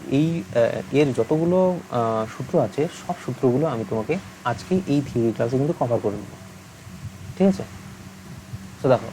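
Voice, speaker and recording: A young man gives a recorded maths lesson in a soft, mellow voice. He explains patiently and keeps asking whether the listener has understood. A faint noise runs under the recording. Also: mid-range voice, low-quality recording. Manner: patient, asks many check-in questions. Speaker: maths teacher.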